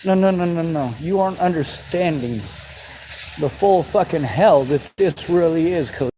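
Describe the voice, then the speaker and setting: On his vlog, a western US man in his forties bitterly fields viewer questions, cursing through an angry, off-the-cuff monologue. His voice is on the high side with a dark tone and moderate pace; the low-quality recording has a little hiss or hum.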